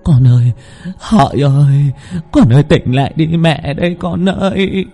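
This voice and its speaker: A man's voice: a little high, a little slow, warm tone, pitched above the performer's own voice. A man putting on a wailing village mother in a horror story. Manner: shrieking, wailing for her child. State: crying. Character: older village woman, frantic grieving mother.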